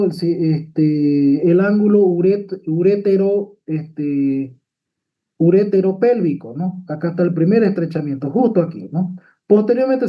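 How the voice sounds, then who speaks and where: A man teaches a medical class, walking through a slide point by point. He checks in with frequent tag questions and fillers as he explains. The audio sounds slightly dull, as if through a modest mic. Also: high-pitched. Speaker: medical lecturer. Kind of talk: lecture with slides.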